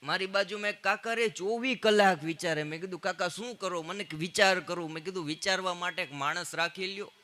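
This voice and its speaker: A male stand-up comedian from Gujarat, India, with a bright voice that sits high, tells stories live in Gujarati. He delivers punchline jokes built on quick quoted exchanges.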